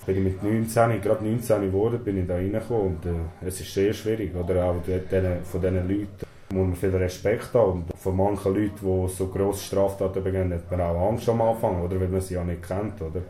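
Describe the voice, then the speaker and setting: A Swiss man in his twenties whose first language is Serbian answers interview questions as a prison inmate, speaking with a Swiss German accent in a small prison storeroom that sounds echoey, with faint background noise. His low, very dark voice is muffled and mellow, fairly even in intonation and a little fast. He hesitates often, with many "äh" fillers, and ends thoughts with the tag "oder?".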